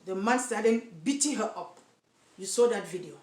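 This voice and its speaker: In a direct-to-camera vlog recorded in an echoey room, a single mothers' activist from Cameroon talks earnestly and insistently with a Cameroonian accent. Her medium-pitched, darkish voice is lively and moderately paced, and she stumbles and repeats words hunting for the English.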